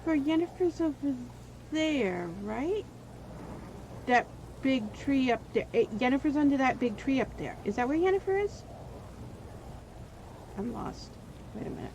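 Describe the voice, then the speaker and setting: A hoarse woman streamer talks over her gameplay, her worn voice swinging widely up and down as she rambles. She drifts from venting back to the game and out again. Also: sits high, animated, measured pace, long pauses, a little mellow, slight background noise, rough recording. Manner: rambling, venting, jumping between rant and game. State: voice wearing out, hoarse. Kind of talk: live gameplay commentary.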